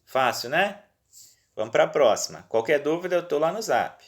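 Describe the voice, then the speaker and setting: A man's voice: fairly high pitch, lively intonation, moderate pace. A male teacher with a Brazilian accent, explaining worksheet exercises to pupils in a patient, reassuring way and checking in often, recorded on a phone at home. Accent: Brazilian Portuguese. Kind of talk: remote lesson walking through worksheets.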